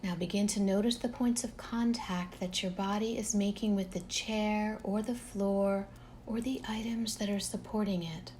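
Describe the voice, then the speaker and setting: In this guided relaxation meditation, a woman at medium pitch talks softly and without hurry, letting long silences fall between her phrases. A faint hiss or hum runs underneath.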